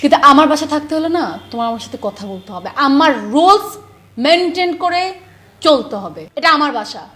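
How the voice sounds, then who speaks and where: A woman's voice: high voice, expressive, moderate pace, sharp tone. A woman playing a bossy wife in a comic domestic skit, scolding and giving orders.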